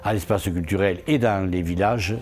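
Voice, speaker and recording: A low-voiced man at a normal speed speaks earnestly as an elected local official in a promotional interview. He testifies to local achievements, posing questions and then answering them himself.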